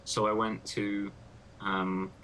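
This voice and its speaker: A man with a lowish voice asks questions in a relaxed research interview, faint noise behind him. He thinks aloud as he goes and strings thoughts together with fillers. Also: slow, rough recording. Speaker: interviewer, PhD student.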